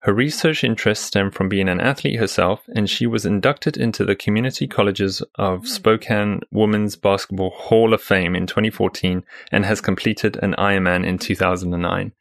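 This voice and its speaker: A man hosting a podcast, introducing a guest and asking questions in a casual, halting way with restarts. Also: on the low side, steady tone, vocal fry, dry recording. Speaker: podcast host. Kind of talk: podcast interview.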